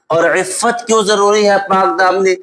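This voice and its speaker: A man with a Pakistani Urdu accent teaching a lesson on Islamic law. He recites Arabic texts slowly, then explains them with examples and often checks that students follow. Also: high-pitched, fairly even intonation, a bit bright, rough recording. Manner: explains with worked examples and asks "ٹھیک ہے؟" to check understanding. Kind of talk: classroom lecture.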